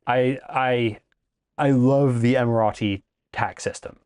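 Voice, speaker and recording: A man's voice: medium pitch, steady tone, a little slow, darkish tone. Chatty man hosting a podcast. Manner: friendly, chatty, occasional stammer. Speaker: podcast host. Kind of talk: casual interview hosting.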